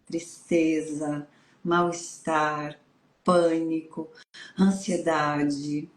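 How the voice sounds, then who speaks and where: Low-voiced Brazilian woman, echoey room. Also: flat delivery, very slow. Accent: Brazilian Portuguese. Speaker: psychologist. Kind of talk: live stream talk.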